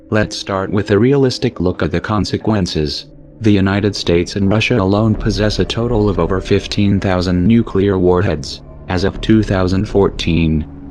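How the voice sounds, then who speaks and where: An anonymous man narrating a scripted political message in a voice disguised to sound deep, delivered in a grim, sardonic, declamatory way. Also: darkish tone.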